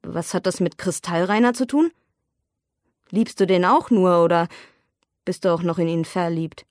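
A woman's voice: lowish voice, normal speed, no room sound, clean studio sound, lightly acted. A woman voicing an irritable, jealous young man who talks sarcastically and flares into rants. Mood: sarcastic, suspicious. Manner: sarcastic, escalating into shouting rants.

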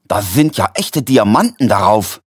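A man voicing an emotional, excitable male quack healer who speaks earnestly. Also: lowish voice, a little slow, husky, no echo, studio quality, heavily acted.

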